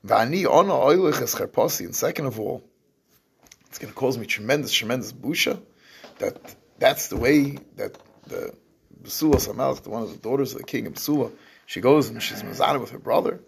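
A man's voice: medium pitch, lively intonation, a little fast, vocal fry, a little hiss or hum. A man teaching a scripture class, explaining verses at length and often restarting his phrases. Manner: explains in English with Hebrew terms, restarts often. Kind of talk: lecturing on scripture.

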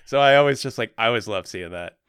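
A man's voice: mid-range voice, lively intonation, fast talker, fairly bright tone, clean tone, no echo. Laid-back young man, dry close mic. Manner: laid-back, rambling with lots of "like" and "um". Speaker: podcast co-host, special guest. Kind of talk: casual chat.

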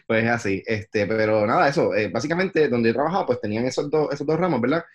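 A man with a Puerto Rican Spanish accent, a podcast guest who once worked in sports television, talking things through slowly with many fillers. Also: mid-range voice, animated, highs cut off. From Puerto Rico. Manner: thoughtful, many fillers like "este". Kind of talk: casual podcast chat.

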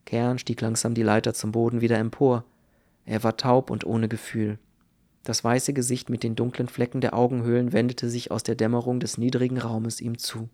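A man reading an audiobook narration in a measured, even storytelling manner. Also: medium pitch. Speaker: audiobook reader. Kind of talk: scripted narration.

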